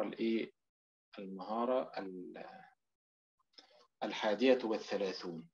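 A middle-aged male recitation teacher leads an online lesson and explains each point step by step. He drags example words out slowly to demonstrate them. The audio is dull and muffled, like a lo-fi call. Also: mid-range voice.

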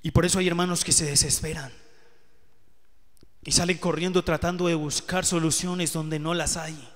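A man with a high voice preaches live in a church hall, his words trailing off in long reverb. He talks earnestly, giving testimony that builds to emotional peaks. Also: steady tone, moderate pace. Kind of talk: sermon.

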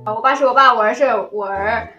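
A young woman with a high voice recites tongue twisters in a casual way. She sounds set back from the mic in an echoey room, with music playing. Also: brisk, sharp tone, far from the mic, lo-fi sound. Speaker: challenge contestant. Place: living room at home.

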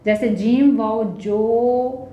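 Female teacher, Pakistani Urdu accent, higher voice, patient drawn-out spelling, echoey lo-fi room. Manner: slow, drawn-out word-by-word spelling. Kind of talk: children's reading lesson. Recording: echoey room, dull lo-fi audio.

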